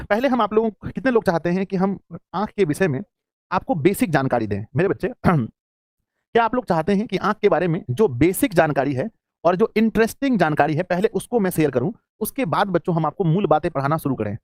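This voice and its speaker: A man's voice: high-pitched, lively intonation, fairly quick, no echo, clean studio sound. A man teaching a school class online in Hindi, who calls his students "children" and keeps asking questions that he answers himself.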